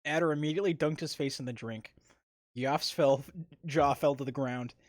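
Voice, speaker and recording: A man's voice: a little high, fairly even intonation, normal speed, a little mellow, dry recording, clean studio sound. A man narrating a visual novel on a live stream, reading the text with wry asides of his own.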